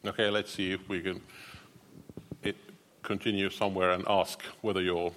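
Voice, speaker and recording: A man's voice: deep voice, flat delivery, normal speed, a bit bright, slight background noise. A man moderating a panel discussion in a wry, self-mocking, joking way. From Finland.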